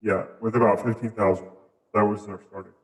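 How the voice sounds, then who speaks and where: A man being interviewed as a mining operator, speaking through a voice scrambler in a hesitant, halting way with many restarts. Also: on the low side, little pitch movement, reverberant. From Southeast United States. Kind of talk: casual interview.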